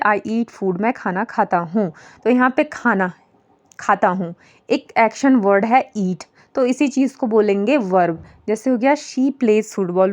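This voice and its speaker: A woman teaching beginner English grammar, patiently explaining each point with simple examples and reading the example sentences slowly and clearly. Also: medium pitch, a little mellow, highs cut off.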